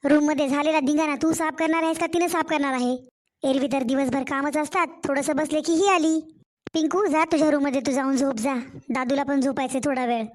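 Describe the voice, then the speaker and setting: A woman voicing a harsh, impatient young stepmother in an animated storybook, speaking with a Marathwada Marathi accent in a sharp, scolding way. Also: sits high, fairly quick, natural voice.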